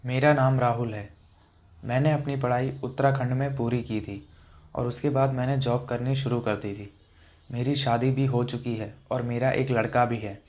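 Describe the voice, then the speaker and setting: A man reading a first-person ghost story in an even, steady scripted narration. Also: medium pitch, normal speed, lo-fi sound.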